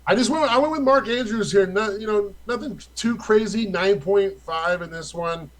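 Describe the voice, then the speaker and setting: A man's voice: high voice, normal speed, a crowd in the background, poor audio. A young man co-hosting a casual fantasy football chat, rattling off stats in a loose, profane way.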